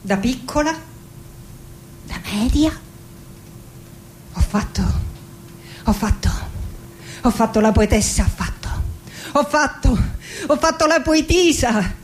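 This is an actress voicing a middle-aged Argentine poet for a radio monologue, delivered with lyrical deliberateness, dramatic pauses, and a melancholy, wry passion. Her voice sits high against slight background noise, and the mood feels restless and insistent.

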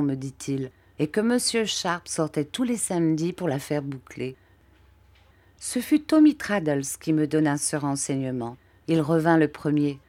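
Low-voiced woman reading a novel aloud. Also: dark tone, no room sound. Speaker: audiobook reader. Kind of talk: scripted narration of a classic novel.

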